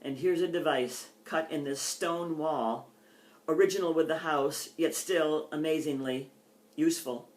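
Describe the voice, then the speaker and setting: An older woman gives a poetry reading with informal introductions, her low, darkish voice carrying a poet's careful phrasing. She speaks in a measured, deliberate manner, and the sound is strongly echoey, the room clearly audible around her.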